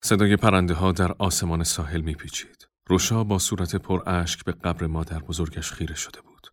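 A man reads a storybook in a very deep voice. His narration is calm and measured. The sound is dry and close. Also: no room sound.

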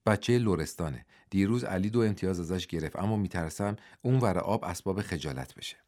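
A man's voice: low voice, expressive, darkish tone. A man voicing a coaxing older wrestling coach. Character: older male wrestling coach, persuasive and fatherly.

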